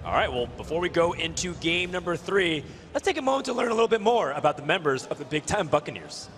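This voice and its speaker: A man casting a card game match, giving energetic, quick analysis. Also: on the high side, faint music behind. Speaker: esports caster. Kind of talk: play-by-play commentary.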